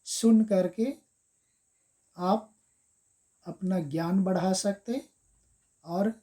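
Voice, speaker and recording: A woman gives an exam-prep grammar lesson at an unhurried pace. Her voice is warm and mellow rather than bright. She repeats each example, stressing the key word, and speaks to viewers as friends. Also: mid-range voice. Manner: addresses viewers as friends, step-by-step explaining. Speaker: Hindi grammar teacher.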